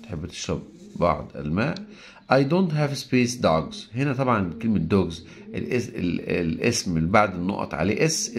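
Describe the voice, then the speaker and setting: Egyptian Arabic male teacher, lowish voice. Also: gravelly. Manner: explains step by step, reads English sentences slowly, acts out student questions. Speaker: English teacher. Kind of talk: recorded grammar lesson.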